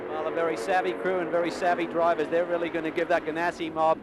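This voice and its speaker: A man's voice: a little high, level tone, fast. A man working as a pit reporter, conducting a live interview beside a racetrack. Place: outdoor pit lane. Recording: clear engine noise behind the voice.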